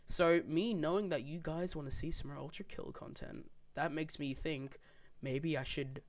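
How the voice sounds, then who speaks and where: A man's voice: on the high side, steady tone, normal speed. A young man hosting a casual podcast, rambling and restarting his sentences while he plays a game. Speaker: podcast host. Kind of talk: casual chat. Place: home, gaming while talking.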